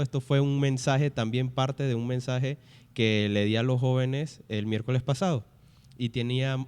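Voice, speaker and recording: Man, youth pastor, reads and explains bible verses, smooth resonant voice, long reverb. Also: medium pitch, a little mellow. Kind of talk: Bible study podcast talk.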